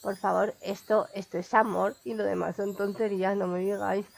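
A woman's voice: medium pitch, flat delivery, normal speed, creaky, darkish tone, soft background music. A young woman with a Spain Spanish accent giving chatty, exclamatory commentary while playing a game and talking to her viewers. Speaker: gaming vlogger. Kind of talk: casual gameplay commentary. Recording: dull lo-fi sound.

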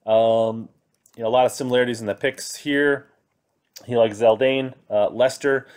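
A man in his thirties hosts a fantasy fishing podcast, talking casually through his picks with lots of filler words as he reads from web pages. His voice is medium-pitched, steady, and a little mellow, at a normal speed. It's a screen recording with a webcam inset, made in an indoor room.

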